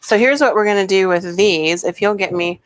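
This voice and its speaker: A woman's voice: mid-range voice, moderate pace, slight background noise. A woman hosting a home cooking demonstration, explaining each step in a chatty, homey way with casual asides. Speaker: cooking show host.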